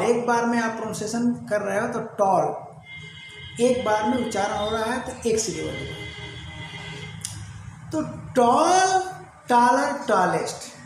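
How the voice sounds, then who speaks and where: A man's voice: very high voice, noisy background. A man teaching a grammar lesson, asking his class questions and answering them himself while repeating key words. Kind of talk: English grammar lesson in Hindi. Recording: very echoey room.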